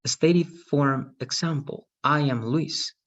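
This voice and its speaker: A man in his thirties teaches an English grammar class online, slow and patient, adding "right?" after every point. His voice is on the high side and a bit bright, and the video call webcam makes the audio dull and lo-fi.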